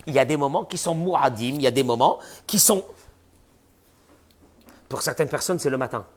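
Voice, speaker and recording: This man has a medium-pitched voice at normal speed and is a rabbi teaching a religious class. He delivers it animatedly, posing rhetorical questions and acting out the characters he talks about.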